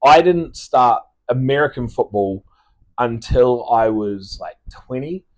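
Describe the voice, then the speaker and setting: A man's voice: medium pitch, lively intonation, slow pace, a little mellow. A man in his thirties from Australia with a mixed Australian and New Zealand accent, chatting as a podcast guest and rambling with restarts and swearing. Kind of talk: casual chat.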